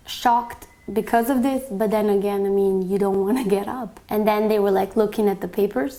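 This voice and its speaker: A young woman from Bosnia giving a reflective personal testimony, soft-spoken and full of small fillers. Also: mid-range voice, fairly even intonation, normal speed. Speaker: interviewee.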